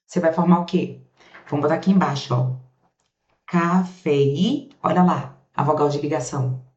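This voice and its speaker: Brazilian woman, grammar teacher. Chatty, talks straight to the class, spells sounds slowly. Recorded on a camera, roomy and a bit dull. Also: low-pitched, darkish tone. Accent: Brazilian Portuguese. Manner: chatty, calls students "gente" and "amores", asks questions for them and answers them. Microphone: camera set up in front of her.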